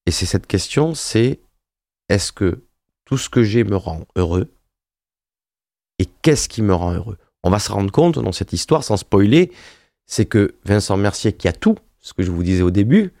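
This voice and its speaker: Here a wine journalist and author in his fifties talks on a radio interview with a lowish, somewhat dark voice, stumbling through frequent hesitations and restarts. There's no room sound, just clean studio audio.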